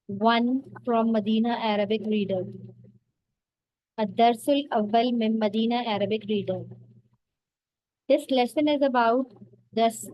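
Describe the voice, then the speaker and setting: A woman teaching a beginner Arabic lesson, explaining slowly and patiently and repeating each word for learners. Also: on the high side, darkish tone, dry recording, low-quality recording.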